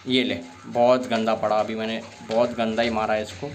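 A young man with a sore throat giving excitable live commentary while playing a fighting game, often bursting into exasperated complaints. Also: on the low side, normal speed. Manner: excitable, frequent exasperated outbursts. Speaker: gameplay streamer.

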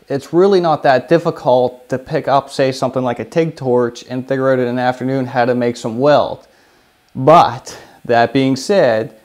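Male, 30s, workshop vlog host; relaxed rambling delivery, lapel mic in a home shop. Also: mid-range voice. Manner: relaxed, rambling with many fillers. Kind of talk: casual talk to camera.

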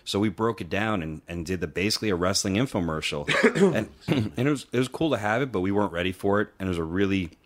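A man's voice: deep voice, animated, fast, hardly any pauses. A man co-hosting a podcast, chatting in a laid-back way full of fillers. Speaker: podcast co-host. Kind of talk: casual podcast chat.

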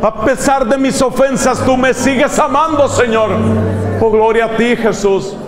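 A man leading a retreat in impassioned spoken prayer, repeating calls of praise and at times rising to shouts. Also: extremely high pitch, steady tone, unhurried. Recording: echoey hall with music and crowd.

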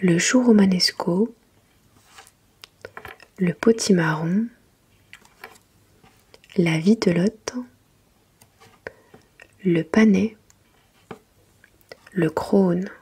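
A woman reading a children's picture book in a soft, gentle whisper, as ASMR for bedtime. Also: fairly low pitch, very slow, pauses often. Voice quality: breathy, mostly whispered soft voice.

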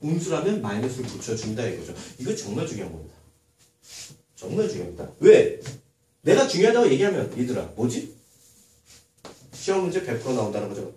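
A man teaching a middle school math lesson, lively and full of rhetorical questions, recorded from a distance in an echoey room with faint noise. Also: medium pitch. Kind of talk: classroom math lecture.

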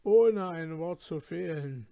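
A man's voice: a little high, slow, creaky, dark tone, no echo, clean studio sound. A man voicing a plain-spoken, pleased carter at an inn table, in a storybook reading.

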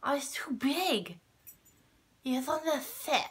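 A woman's voice: high-pitched, big pitch swings, slow pace. A young woman, groggy and numb after having her wisdom teeth out, chatting in a whiny, rambling way with thick-tongued, slurred speech. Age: young adult. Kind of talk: casual chat. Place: small bedroom, seated on a bed. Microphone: phone held nearby.

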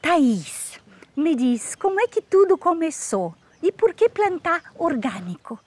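A woman's voice: very high voice, sing-song, measured pace, no room sound, heavily acted. A woman playing Fiorella, a chatty clown cook in a nonna costume, hosting a comic farm interview outdoors. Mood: bubbly. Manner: bubbly, rambling, sing-song questions. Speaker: show host in character.

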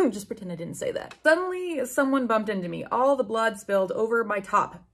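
Here the same kind of twenty-something YouTuber, indoors in a compact bookshelf-filled room, delivers fanfiction with sweary, disbelieving, over-the-top jokes. She speaks at a normal speed in a fairly high, animated voice.

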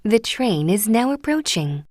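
An English-language station announcer, a woman, reads short scripted train station announcements in a formal, carefully enunciated way. Her medium-pitched voice is very animated yet very slow, with a darkish tone. The recording is dry and has clean studio sound.

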